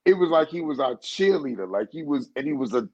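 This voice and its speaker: A singer being interviewed tells a long, relaxed story in an animated, fairly quick voice that sits on the high side and sounds slightly rough. He often restarts and says "you know what I'm saying," and the recording is dry, dull and muffled.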